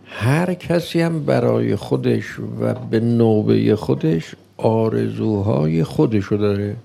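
A man giving a sermon, speaking slowly and deliberately, posing rhetorical questions and acting out the voice of an imagined opponent. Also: mid-range voice, vocal fry, dark tone. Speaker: preacher.

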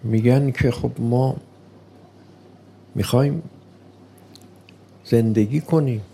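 A man giving a sermon, speaking slowly and deliberately, posing rhetorical questions and acting out the voice of an imagined opponent. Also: medium pitch, vocal fry, dark tone, slight background noise. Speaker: preacher.

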